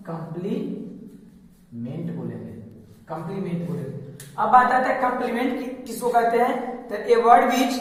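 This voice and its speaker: A male teacher explains a grammar lesson step by step. He asks rhetorical questions and then answers them himself. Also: very high-pitched. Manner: repetitive, explains step by step with examples. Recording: echoey hall, mic far off.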